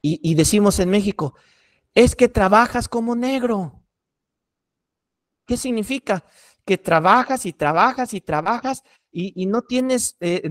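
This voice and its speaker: A middle-aged man, a pastor giving a preaching workshop and repeating key warnings earnestly. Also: sits high.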